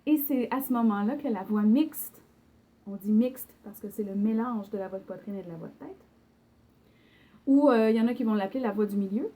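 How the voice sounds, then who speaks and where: A woman's voice: fairly high pitch, a little fast, mellow. A young woman with a Québécois French accent giving an online singing lesson, explaining patiently with fillers and short sung examples. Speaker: singing teacher.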